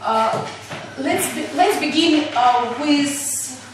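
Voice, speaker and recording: A woman's voice: high-pitched, expressive. Echoey, distant woman with a Russian accent. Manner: halting, searching for words in non-native English. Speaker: teacher leading a group exercise. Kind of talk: explaining rules to a group. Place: echoey room with a group. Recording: distant, very echoey, noisy room recording.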